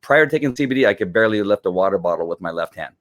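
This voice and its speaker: A man's voice: on the low side, lively intonation, racing, dry recording, clean studio sound. A middle-aged man chatting as an interview guest, enthusiastic and rambling with many fillers. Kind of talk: casual interview chat.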